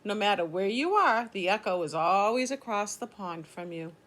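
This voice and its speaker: A woman's voice: medium pitch, lively intonation, moderate pace, a bit bright, lightly acted. A woman voicing a wise old male beaver in a storybook, patiently explaining. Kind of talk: storybook character voice.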